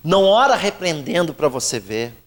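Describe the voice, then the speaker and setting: A man with a high-pitched voice preaches a Pentecostal testimony, acting out conversations and swelling into fervent pleas. His São Paulo interior accent rings through a very echoey church hall. He is heard from some distance from the microphone, with a long reverb trailing each phrase. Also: moderate pace. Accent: São Paulo interior Brazilian Portuguese. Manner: animated storytelling, acts out quoted dialogue, rising to loud fervent preaching. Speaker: pastor.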